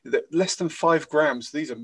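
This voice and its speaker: A man's voice: a little high, moderate pace, husky. A man, co-hosting a casual news podcast, hesitant with many fillers. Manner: hesitant, many ums and uhs, trailing off softly. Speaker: podcast co-host.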